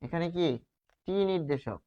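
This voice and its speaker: A man with a slightly high voice leads a grammar lesson at a whiteboard, breaking each rule down step by step. He speaks with lively intonation at a moderate pace, keeps quizzing his students only to answer himself, and the recording is a bit muffled.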